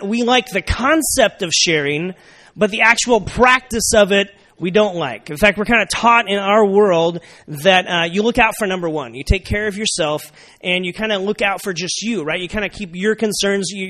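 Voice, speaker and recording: A man's voice: high voice, sharp tone. A young adult man preaching a sermon to a congregation in a conversational way, often asking the audience "right?" and repeating his key lines. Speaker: pastor.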